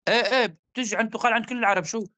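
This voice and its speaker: A man with a Levantine Arabic accent argues hard in a heated debate. His voice sits fairly high and the words tumble out at great speed. He is insistent and pleads to be heard. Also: steady tone, racing, pushed and bright, dry recording.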